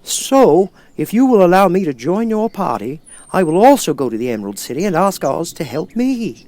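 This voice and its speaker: A man's voice: high-pitched, sing-song, normal speed, darkish tone, pitched above the performer's own voice. A man voicing a polite, grateful man made of tin, speaking in a courteous, plaintive way.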